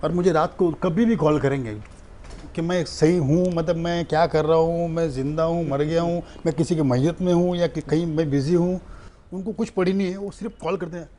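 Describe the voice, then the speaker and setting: A man's voice: on the high side, a little fast, a little hiss or hum. A man, a stand-up comedian and mimic, telling stories animatedly in a casual interview. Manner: animated storytelling.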